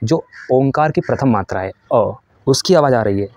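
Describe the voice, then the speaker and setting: A man's voice: medium pitch, animated, moderate pace, a little mellow, dry recording. Patient male teacher with a dry, close sound. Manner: patient, asks and answers his own questions, demonstrates chanting. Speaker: spiritual teacher. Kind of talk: explanatory spiritual lesson.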